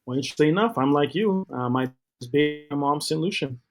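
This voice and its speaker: A man's voice: a little high, lively intonation, fairly quick. Upbeat middle-aged man being interviewed. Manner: upbeat and promotional, with fillers. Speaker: guest, TV co-founder. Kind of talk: interview talk.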